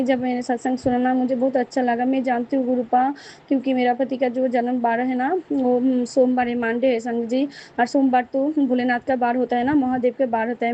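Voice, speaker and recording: Woman, high voice, mellow tone, halting devotional testimony, many restarts, dull lo-fi recording. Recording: dull lo-fi recording, faint noise.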